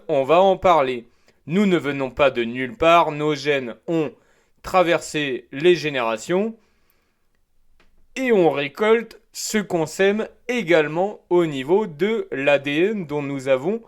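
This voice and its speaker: Provocative male talk-show host. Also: medium pitch. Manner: opinionated, provocative, wordplay asides, frequent "euh" fillers. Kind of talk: prepared solo talk-show monologue.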